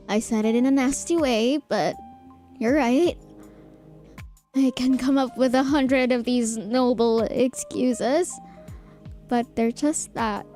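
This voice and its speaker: A young woman streamer reading a visual novel aloud in a soft, hesitant, apologetic way. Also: on the high side. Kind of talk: reading game dialogue and first-person narration aloud.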